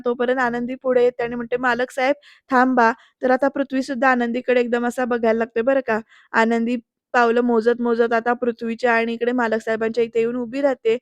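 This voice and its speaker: A woman recapping a television serial episode in voice-over, speaking straight to her viewers as she tells the story. Her voice is fairly high and holds an even, flat line, recorded dry and close with no room sound. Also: dry recording, muffled recording. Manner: storytelling, addressing viewers directly. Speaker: serial reviewer.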